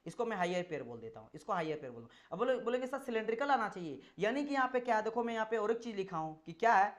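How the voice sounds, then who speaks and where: A man's voice: sits high, animated, rapid-fire. A man teaching an engineering exam class. He repeats his points, mixes English technical terms into his explanations and keeps asking whether the students have understood. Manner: repetitive, checks understanding with rhetorical questions; demonstrates with objects at hand. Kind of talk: classroom lecture.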